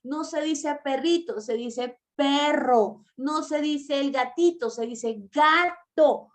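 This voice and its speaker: A woman's voice: high-pitched, unhurried, a little mellow. A woman giving an online masterclass lecture to mothers, explaining patiently and stressing key words, addressing the listener directly. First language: Spanish. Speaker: early-childhood language teacher.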